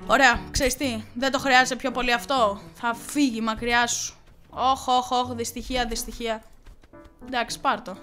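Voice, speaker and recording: Bright excitable woman gamer. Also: a little high, soft background music. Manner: excitable, shouting reactions and playful taunts. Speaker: gaming YouTuber. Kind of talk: let's play commentary.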